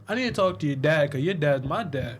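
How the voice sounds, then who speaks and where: A man on a casual podcast, retelling a movie's plot with animated storytelling and acting out the characters' lines. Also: fairly high pitch, fairly quick, slight background noise. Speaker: podcast co-host reviewing a film. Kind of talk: casual chat.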